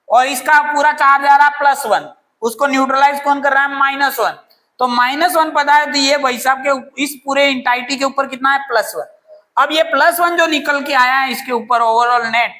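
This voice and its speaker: In a classroom chemistry lecture, a woman speaks in a high, pushed, bright voice. Her teaching leans on homely examples and playful asides, and she answers her own questions.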